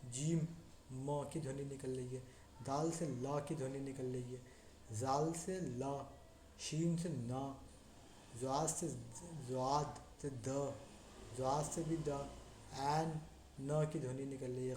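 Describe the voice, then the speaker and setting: A teacher giving a slow classroom lesson, repeating points and checking in as they explain. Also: mid-range voice, dark tone. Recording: echoey room with faint noise.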